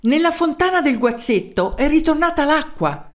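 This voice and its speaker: Excited village men calling out as they run up, breathless and shouting, as a woman reading a storybook puts them on. The voices jump high above the reader's usual pitch. The pitch swings widely. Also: moderate pace.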